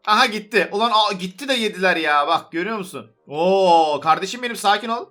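Guy doing game commentary, super high voice, hypes and teases other players. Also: a little fast. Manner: excitable, teasing, chatters to other players. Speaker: gaming YouTuber. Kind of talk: gameplay commentary.

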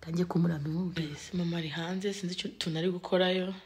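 A woman's voice: fairly low pitch, little pitch movement, racing. A young woman with a Rwandan accent talking casually in vlog style in a living room. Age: young adult. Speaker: vlogger pranking a parent. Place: indoors in a large tiled living room. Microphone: camera set at a distance in the room. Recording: echoey living room, faint background noise.

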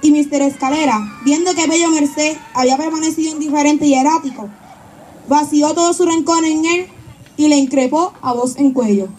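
Woman narrator for a stage story, high voice, some noise in an outdoor amateur recording. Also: normal speed, a little mellow. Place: outdoor tented stage at night.

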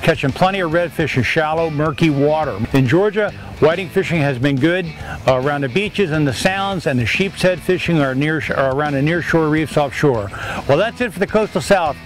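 A man's voice: on the high side, moderate pace, faint music behind. Older man giving an outdoor fishing report. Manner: reads a report with frequent uh fillers. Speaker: regional fishing report presenter. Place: outdoors by the water on a porch.

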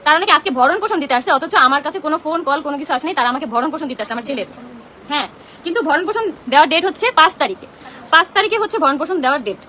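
Fast, high-pitched, indignant young woman. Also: animated, bright, forceful tone, slight background noise. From Bangladesh. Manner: agitated, indignant, rapid-fire and confrontational. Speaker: social media content creator. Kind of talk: heated live-stream rant. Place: home.

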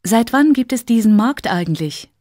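Woman reading as a curious young tourist girl, eager questions, higher voice, dry close sound. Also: expressive, moderate pace, a little mellow, no room sound, natural voice.

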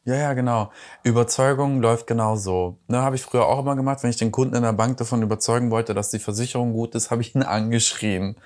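A man's voice: mid-range voice, steady tone, fast talker, hardly any pauses, darkish tone. A man hosting a reaction video, commenting on a reality show with sarcastic, mocking remarks.

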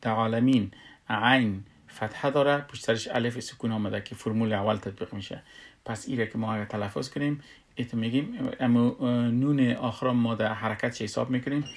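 Man drilling syllables slowly. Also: medium pitch. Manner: drills syllables one by one, drawing out recited words slowly. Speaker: tajweed teacher. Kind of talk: recorded lesson.

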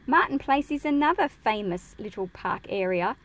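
A woman with a voice on the high side reads a picture book to children at normal speed. She explains the pages expressively and keeps asking her young listeners questions, teaching them as a read-aloud presenter.

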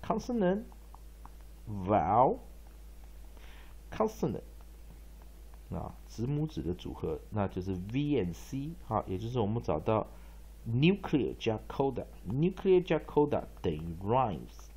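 A man teaching English pronunciation, spelling out letters and repeating words to drill them, often ending phrases with a soft "ha". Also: fairly low pitch, sing-song, unhurried, breathy edge. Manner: tags phrases with a soft "ha" particle. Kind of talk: pronunciation lesson.

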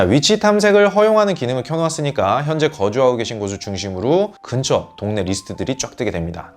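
A young man hosting a smartphone tutorial for parents, explaining each step in a friendly way and addressing viewers as mothers and fathers. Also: medium pitch. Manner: addresses viewers as mothers and fathers, lively rising and falling delivery.

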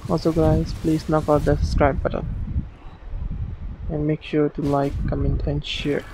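A casual gameplay commentator who talks in a flat, gravelly voice. The chat is loose and chatty, with Hindi phrases mixed in, over a noisy recording. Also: mid-range voice, a little slow.

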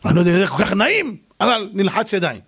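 A man, a rabbi, giving a lively Torah lecture, telling stories and acting out their characters. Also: high voice, breathy edge. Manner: animated storytelling, acting out characters.

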